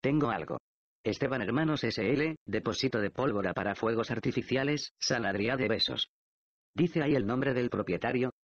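A man's voice: medium pitch, lively intonation, moderate pace, no echo, natural voice. Skeptical joking friend read by a man. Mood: reporting. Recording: dull, dry lo-fi audiobook recording.

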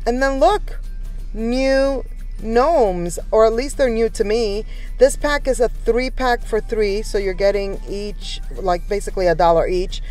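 Over background music, a woman narrates her shopping vlog in a chatty, excited way, addressing viewers directly. Her voice is medium-pitched and slightly mellow, and the recording quality is rough.

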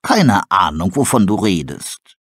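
A man doing a gruff, brisk owl. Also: low-pitched, very animated, fairly bright tone, no room sound, voice pushed down, full character voice. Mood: gruff, coaxing. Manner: gruff and practical. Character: blunt, brisk male owl.

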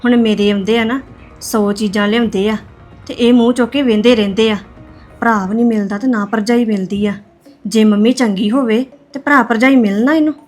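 Sneaky sister-in-law, woman acting, sly and confiding, bit high. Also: steady tone, brisk, soft background music, natural voice. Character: scheming young married woman, manipulative sister-in-law.

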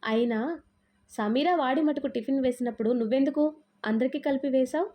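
A woman's voice: high voice, brisk, dark tone, lightly acted. A woman voicing a stern, fair father-in-law. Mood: firm. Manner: firm, questioning.

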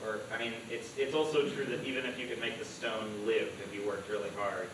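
Fast flat student, far off. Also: male voice, medium pitch, crowd noise. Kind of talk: classroom comment. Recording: distant voice in echoey room.

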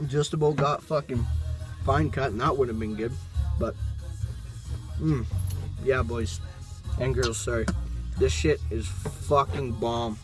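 A man's voice: medium pitch, steady tone, slow, long pauses. Young man chatting with a lip full of chewing tobacco. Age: young adult. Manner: heavily sweary, laid-back slang. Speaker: product reviewer. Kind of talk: casual vlog chat. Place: inside a parked pickup truck cab. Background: music playing.

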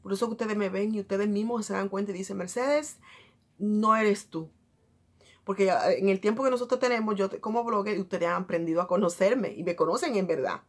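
A woman's voice: mid-range voice, fast talker, few pauses. A woman vlogger talking in a casual, confiding way, affectionately calling her viewers "bellas". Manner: chatty, addresses viewers as "bellas". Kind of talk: casual confiding vlog chat.

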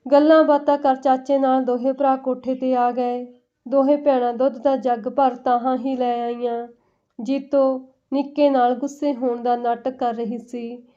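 A woman narrating a family story in a steady, plain telling. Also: high-pitched, unhurried. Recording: dull lo-fi recording.

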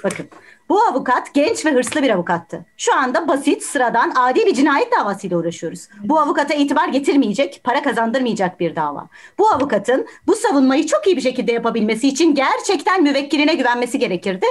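A woman's voice: high voice, big pitch swings, fast talker. A woman playing a patient, persuasive juror. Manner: reasoning, questioning, patient. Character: calm, persuasive juror doubting a guilty verdict. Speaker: juror in an online amateur play. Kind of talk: amateur video-call stage acting. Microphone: video call.

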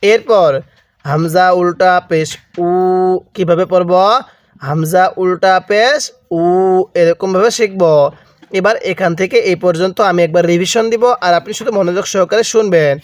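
Recorded dry with clean studio sound, a high-voiced man speaking with a Bangladeshi Bengali accent gives a slow lesson on pronouncing Quran letters. Patient throughout, he repeats every sound slowly and has listeners read along, repeating each one after him.

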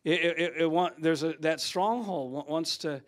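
An older man preaching a sermon in a church, telling stories and swinging from loud outbursts to hushed asides. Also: a little high, normal speed. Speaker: guest preacher. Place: church sanctuary.

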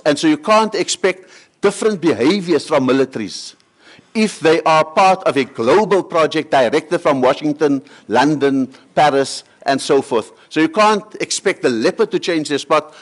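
Middle-aged man from South Africa, panel speaker, deliberate cadence, slightly high pitch. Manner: measured, rhetorical, with repeated phrases. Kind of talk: conference panel answer. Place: conference hall on stage. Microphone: table microphone.

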